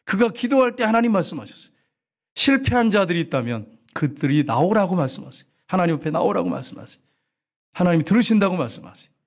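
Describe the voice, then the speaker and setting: Man preaching a sermon, heard from afar. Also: big pitch swings. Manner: preaches with sudden rises and drops in pitch, addresses the congregation directly; sings a hymn line slowly. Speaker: pastor.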